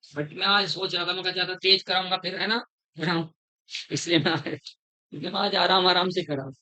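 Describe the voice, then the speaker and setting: A middle-aged man teaching a chemistry class, slowly repeating terms, quizzing his students and calling them "beta". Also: high voice, steady tone, pushed and bright, rough recording. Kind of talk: classroom lecture.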